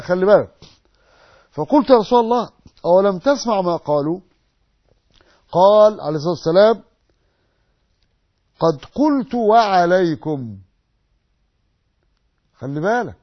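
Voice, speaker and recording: A male preacher with an Egyptian accent gives an emphatic lesson, throwing out questions and answering them himself. His voice sits high and sounds husky. He talks fast, on a dull, lo-fi recording. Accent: Egyptian Arabic. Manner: repeats hadith slowly for emphasis. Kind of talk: sermon lesson.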